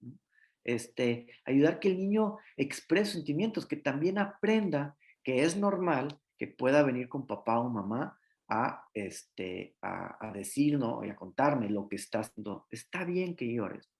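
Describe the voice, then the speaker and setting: A man's voice: medium pitch, animated, unhurried, creaky, a little mellow. A man giving a conversational pediatrics lecture, often ending points with tag questions and acting out parent and child dialogue. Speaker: pediatrician giving an academic talk.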